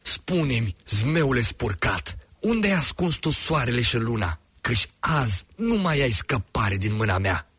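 A man's voice: medium pitch, big pitch swings, a bit bright, breathy edge, no echo, voice pushed up. A man voicing a fearless young male folk hero in a storybook tale, calling out commanding challenges.

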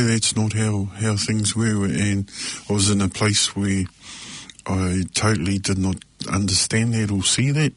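A man, sharing personally and reflectively at a meeting, with halting, unscripted phrasing. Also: on the low side, no room sound. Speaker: speaker sharing at a recovery meeting.

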